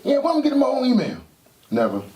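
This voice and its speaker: A man voicing an excitable boyish puppet who hosts a kids' show like an overbright party host, with a husky voice and hyped, exclamatory delivery. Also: very high voice, fast talker, heavily acted. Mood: chatty, upbeat. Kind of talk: children's puppet show presenting.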